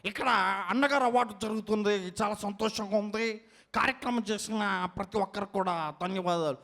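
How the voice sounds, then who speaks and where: A man performing stage mimicry at an awards function, switching rapidly between impersonated voices. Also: sits high, a bit bright. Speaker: mimicry artist.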